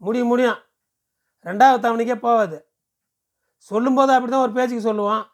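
A man voicing a pushy, smooth-talking male temple ticket seller who lectures briskly and persuasively. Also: very high-pitched, steady tone, pitched above the performer's own voice. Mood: brisk lecturing.

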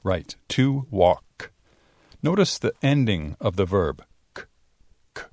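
Guy teaching english sounds, goes real slow, voice jumps around a lot, dry close sound. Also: lowish voice, big pitch swings, darkish tone, no room sound. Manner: slow, exaggerated demonstration of sounds. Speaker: Spanish-speaking English teacher. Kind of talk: bilingual language lesson.

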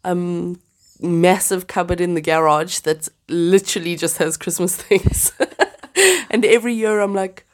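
A woman's voice: on the low side, steady tone, moderate pace, darkish tone. A woman co-hosting a casual faith chat, enthusiastic and laughing often, her voice a little stuffy from a cold. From Southern Hemisphere. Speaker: podcast co-host.

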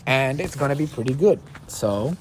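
A man's voice: medium pitch, expressive, moderate pace, slight background noise. A man running a tabletop game as dungeon master, explaining casually and laughing often.

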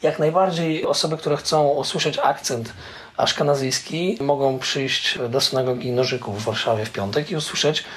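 A man explaining things in an interview, pausing often with filler sounds as he thinks. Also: medium pitch, fairly bright tone. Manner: hesitant, many filler "e" pauses. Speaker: interviewee, Hebrew scholar. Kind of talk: conversational explanation.

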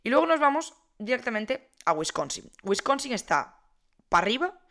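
A woman's voice: on the high side, very animated, moderate pace, fairly bright tone. A young woman, casually explaining politics in a chatty monologue, with many fillers and self-corrections.

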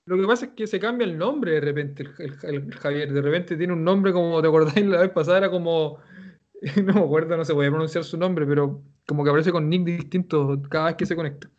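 A man's voice: fairly high pitch, quick pace, muffled recording. Joking Chilean man teaching Japanese. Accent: Chilean Spanish. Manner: relaxed, joking, explanatory. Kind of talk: online class feedback.

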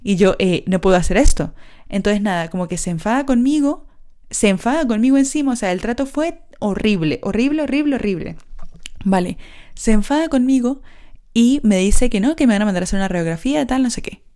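A woman's voice: mid-range voice, expressive, fairly quick, warm tone. Frank, exasperated young woman. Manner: frank and exasperated, swears freely, many fillers. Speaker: podcaster telling a personal story. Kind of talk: casual personal storytelling.

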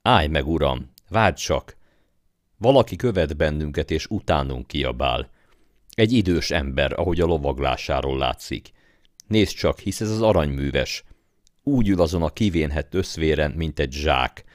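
A man doing a lively young slave, eager and mocking. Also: rumbling low, no room sound, clean studio sound. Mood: eager, amused. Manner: eager, brightly amused talk. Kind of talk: audiobook character voice.

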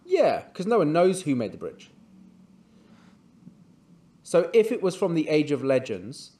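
Male podcast host, casual, swears a lot, quick to laugh. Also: fairly high pitch, very animated, mellow. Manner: swears freely, laughs often, blunt. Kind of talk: casual book discussion chat.

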